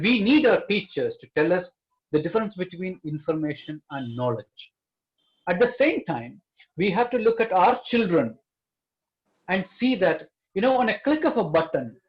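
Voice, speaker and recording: A man's voice: high-pitched, lo-fi sound. A man speaking earnestly as a panelist, stressing key words again and again. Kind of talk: panel discussion.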